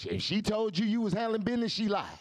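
A man hosting a podcast, talking loud and fast, animated and profane, repeating himself as he riles up the panel. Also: high voice, no echo. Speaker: host.

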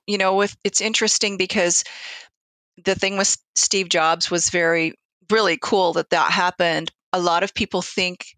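A woman with a bright, slightly low voice talks conversationally as a hospice nurse. She tells anecdotes reflectively and voices the exchanges she quotes. The sound is close and dry. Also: no room sound, low-quality recording. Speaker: hospice nurse, interview guest. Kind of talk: conversational storytelling.

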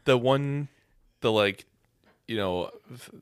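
A man's voice: mid-range voice, slow, clean tone, no room sound, studio quality. A man in his thirties co-hosting a podcast in casual chat, teasing and contradicting his friends. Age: 30s. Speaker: podcast co-host.

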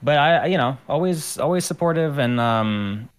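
A Ukrainian man appears as a podcast guest, an animator and musician chatting casually about his art career. His voice is a little high, animated and clear, with a resonant tone and a moderate pace. He rambles through the interview, full of fillers and restarts.

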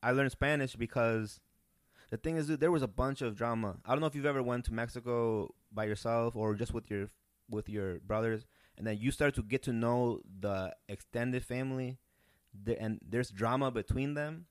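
A young man from Peru, a comedian, telling rambling, animated stories in a casual podcast chat. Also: medium pitch, moderate pace, no room sound, studio quality. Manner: rambling, animated storytelling with restarts. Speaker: guest comedian.

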